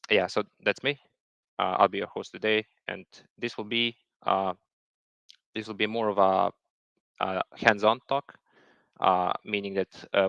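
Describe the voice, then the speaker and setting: Man, gravelly voice, hesitant, lots of fillers, dull dry recording. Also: low voice, a bit bright, dry recording. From Serbia. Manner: many fillers and repeated words. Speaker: software engineer presenting a talk. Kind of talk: hesitant technical presentation. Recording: dull lo-fi sound.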